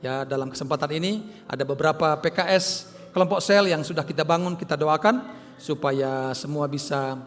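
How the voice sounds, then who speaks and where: A middle-aged man preaching as pastor, swinging between loud calls and quiet asides. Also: on the high side, moderate pace. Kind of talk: sermon. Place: church hall. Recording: long hall reverb.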